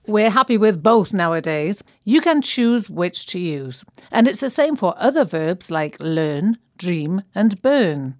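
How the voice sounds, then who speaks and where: A woman presenting a scripted language lesson, speaking clearly and spelling words out letter by letter. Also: medium pitch, expressive, unhurried, few pauses, darkish tone, no echo, clean studio sound.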